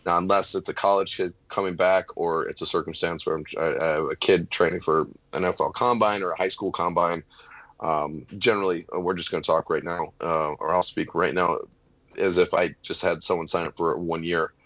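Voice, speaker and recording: A man's voice: low voice, steady tone, brisk, fairly bright tone, no room sound. A man who says he is losing his voice, talking loosely as a strength coach on a podcast panel, with many fillers. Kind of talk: casual panel discussion.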